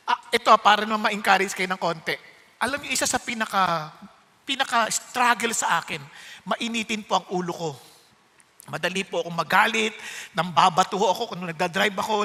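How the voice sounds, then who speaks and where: High, bright-voiced Filipino pastor preaching. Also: male voice, long reverb tail. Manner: animated, humorous storytelling; switches between Tagalog and English. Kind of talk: sermon.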